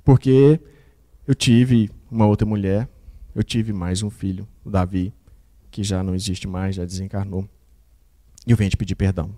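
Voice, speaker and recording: A man voicing an ashamed older father who talks quietly and hesitantly, with a mellow tone. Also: deep voice, fairly even intonation, moderate pace, pauses often, pitched below the performer's own voice, natural voice. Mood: tearful confession.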